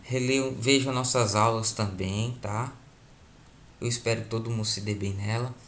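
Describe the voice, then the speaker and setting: A man's voice: lowish voice, fairly even intonation, normal speed, a bit bright, slight background noise. A man with a Brazilian Portuguese accent, a teacher patiently going over a school test, repeating key points and checking in with his students.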